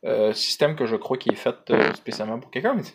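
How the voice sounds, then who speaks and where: A man's voice: mid-range voice, animated, fast talker, slight background noise. A man with a Quebec French accent chatting casually to camera as a vlogger, hesitant and rambling, in colloquial slang.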